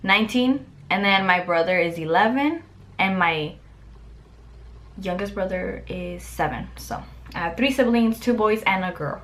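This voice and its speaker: This young adult vlogger, a native Spanish speaker from Mexico, chats to a close-up camera in her bedroom, answering questions meant to introduce herself. She sounds animated, with a medium pitch and measured pace, and leans heavily on "like."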